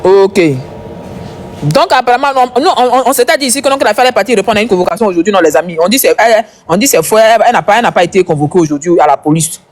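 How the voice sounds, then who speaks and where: A woman's voice: medium pitch, very fast. A woman doing casual live commentary as a gossip streamer, chatty and repetitive, talking straight to her viewers.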